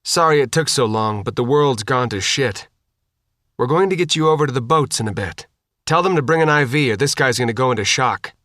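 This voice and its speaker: A man voicing a steady male soldier who talks in a calm, reassuring, quick way to a survivor. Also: mid-range voice, dry recording, clean studio sound.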